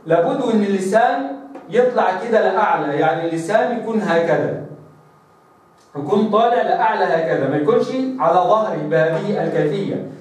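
A man teaches pronunciation in a fairly high voice, pausing to demonstrate each sound himself. He urges the listener to copy him. His voice rings in a very echoey room, picked up from some distance away. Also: a little mellow. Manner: demonstrates sounds, repeats rolled r aloud; addresses listener as brother, asks them to try. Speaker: Quran recitation teacher. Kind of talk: explanatory lesson on pronunciation.

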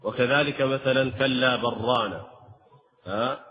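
Male recitation teacher, medium-pitched, steady lecturing with slow sung examples, dull lo-fi recording. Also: long reverb tail. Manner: measured explaining, breaks into slow melodic recitation. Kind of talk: tajweed lesson with chanted examples. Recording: slightly dull lo-fi sound.

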